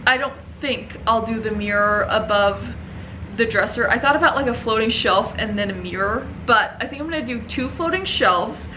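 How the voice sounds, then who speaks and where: Out of breath but upbeat, a young woman laughs often as she vlogs casually to camera inside her print shop, where she runs her small business. Her voice is a little high, pushed and bright, at a moderate pace. The low-quality recording carries a bit of hiss or hum.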